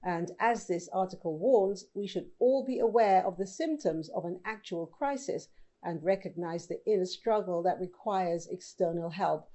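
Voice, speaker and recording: Mellow-voiced woman news host. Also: on the low side, moderate pace. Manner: conversational, addresses viewers directly. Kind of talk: scripted news presenting.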